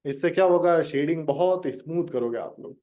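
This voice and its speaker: A man's voice: on the high side, normal speed, mellow. A young man teaching a live online drawing lesson, chatting with his students and joking as he guides them step by step. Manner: chatty, addresses students directly and jokes.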